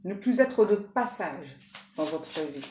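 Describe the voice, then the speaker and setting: A woman's voice: lowish voice, expressive, slow pace, dark tone, reverberant, slight background noise. A woman doing a casual tarot card reading, talking in a chatty way full of fillers and restarts.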